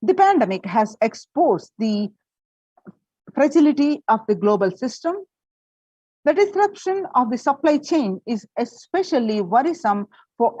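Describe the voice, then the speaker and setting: A woman's voice: on the high side, a little mellow, slightly rough, no echo, lo-fi sound. A woman presenting and reading a prepared article aloud, with the odd filler and restart.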